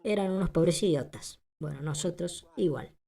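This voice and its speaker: A woman's voice: on the low side, normal speed, gravelly, warm tone. A woman giving a translated lecture as a voice-over. She is emphatic and rhetorical, repeats her points and asks the audience questions.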